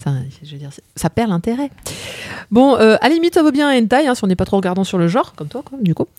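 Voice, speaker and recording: Animated Parisian woman reviewing manga. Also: on the high side, quick pace, no echo. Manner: lively, laughing, many fillers. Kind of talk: casual panel chat.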